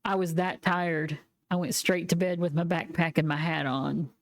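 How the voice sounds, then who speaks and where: A woman's voice: lowish voice, steady tone, moderate pace, natural voice. A woman voicing a nervous young boy in a game, speaking in a timid, pleading way. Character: nervous young boy in a bleak small town. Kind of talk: reading game dialogue aloud.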